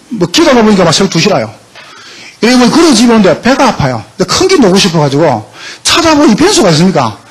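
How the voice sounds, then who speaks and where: A man's voice: sits high, husky. A male pastor preaching a sermon emphatically, often asking the congregation questions.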